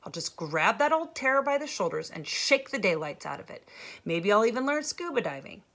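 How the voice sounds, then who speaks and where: A woman voicing a shy, nervous country boy who stammers and talks haltingly. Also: mid-range voice, big pitch swings, fairly bright tone, pitched above the performer's own voice.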